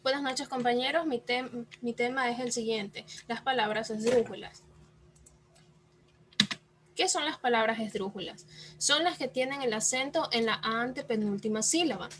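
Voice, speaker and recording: A woman's voice: a little high, normal speed, fairly bright tone, a little hiss or hum. A female student giving a class presentation, posing questions and answering them herself. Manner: explanatory, asks and answers her own questions.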